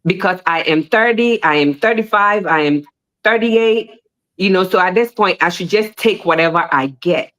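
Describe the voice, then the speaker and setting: A woman chats casually on a panel at a moderate pace, animated and repetitive. Whenever she makes a point, her pitch goes up sharply.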